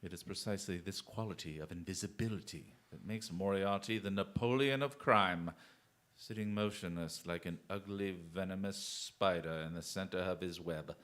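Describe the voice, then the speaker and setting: In a radio drama, an actor with a low-pitched voice plays a brilliant, restless gentleman detective, grandly eloquent and quick-witted. The mood is serious and measured.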